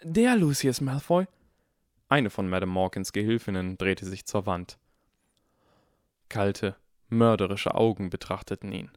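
A man reading a fantasy novel aloud as audiobook narrator, steady and expressive. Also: low-pitched, unhurried, clear, resonant tone, no room sound, studio quality. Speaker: audiobook reader. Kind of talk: scripted narration.

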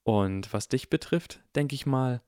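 A man's voice: mid-range voice, animated, measured pace, darkish tone, smooth, no room sound, clean studio sound, pitched above the performer's own voice, natural voice. A man voicing a haughty, spoiled aristocratic boy wizard with an arrogant, drawling manner, in an audiobook. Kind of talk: audiobook character voice.

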